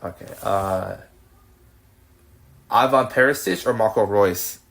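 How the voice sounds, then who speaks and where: A man hosting a podcast, firing off quick this-or-that questions with brief, low-key acknowledgements. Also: creaky, fairly bright tone. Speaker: podcast host. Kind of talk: casual rapid-fire this-or-that interview.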